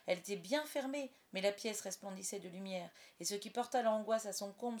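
A woman reads a storybook aloud as the narrator, with an expressive storytelling manner. Her voice sits at a middle pitch for a woman. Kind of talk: audiobook narration.

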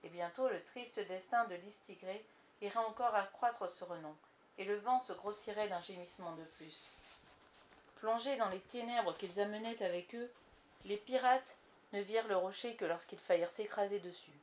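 A woman narrating a storybook in a measured, even reading voice. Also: medium pitch.

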